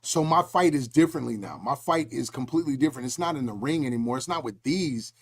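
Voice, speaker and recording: A middle-aged man hosting a podcast in casual talk, telling lively stories and acting out voices as he goes. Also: mid-range voice, fast talker, slightly rough. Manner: animated storytelling, acts out quoted voices. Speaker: podcast host.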